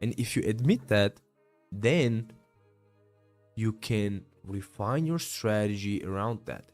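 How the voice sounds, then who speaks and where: A late-twenties day trader on a live stream sounds tired after a long session as he casually goes over his trades and chats with viewers, using many fillers and the word "bro." He speaks slowly but animatedly in a lowish, slightly mellow voice, with soft music in the background.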